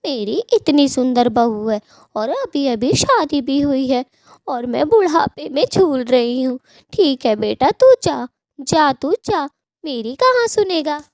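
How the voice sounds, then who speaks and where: A woman's voice: sits high, big pitch swings, slow, darkish tone, dry recording, studio quality, heavily acted. A woman voicing a worried old mother in a cartoon story who pleads and fusses over her son. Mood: resigned. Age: older. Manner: pleading, fussing and complaining.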